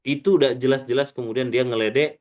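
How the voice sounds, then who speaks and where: A man's voice: medium pitch, quick pace. A man preaching a study sermon in a mosque, asking his listeners questions and having them answer back. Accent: Indonesian. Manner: animated, call-and-response questions to listeners. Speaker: preacher teaching students.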